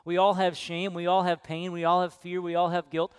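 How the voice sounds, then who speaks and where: Male pastor, sermon delivery, slightly high voice, smooth and close-miked. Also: monotone, fairly quick, no echo. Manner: earnest preaching, storytelling with hushed quoted voices. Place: church sanctuary.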